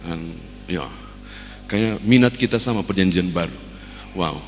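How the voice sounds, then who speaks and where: A man's voice: low-pitched, measured pace, long reverb tail, soft background music. A man with a Manado accent, a pastor preaching a sermon and telling stories to his congregation. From Manado, Indonesia. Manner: storytelling preacher acting out a joke.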